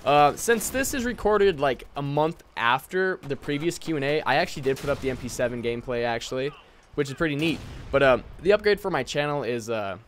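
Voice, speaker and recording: A twenty-year-old American gaming and airsoft YouTuber answers viewer questions in a casual, laid-back way, informal and often trailing off. His medium-pitched voice has lively intonation and a fairly quick pace, with slight background noise.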